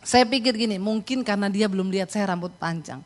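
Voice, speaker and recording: A middle-aged woman pastor, preaching a sermon through animated storytelling and acting out quoted voices. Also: medium pitch, fast talker.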